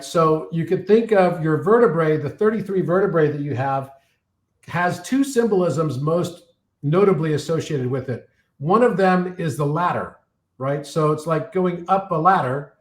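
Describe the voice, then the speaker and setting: A man giving a live talk and taking audience questions, telling stories full of fillers and restarts while his voice is getting a little hoarse. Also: on the high side, roomy sound. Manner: rambling storytelling with many fillers and restarts.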